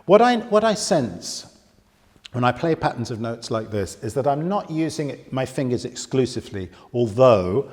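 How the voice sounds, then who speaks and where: A male piano teacher gives a lesson, explaining patiently and counting fingers aloud while he demonstrates. His medium-pitched voice is sing-song and moves at a moderate pace. The very resonant room adds long reverb, and loud piano playing fills the background.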